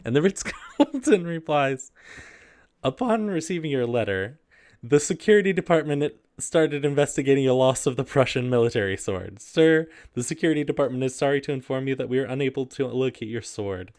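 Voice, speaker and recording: Reading funny letters on a casual video, this host is easily amused and keeps dissolving into giggles. He has a mid-range, darkish voice that is expressive and fairly quick.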